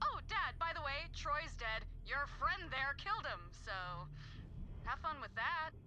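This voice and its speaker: A woman's voice: sits high, very animated, measured pace, over music, poor audio. An actress playing a cruel, smug young woman villain in a video game, with a mocking, snotty manner.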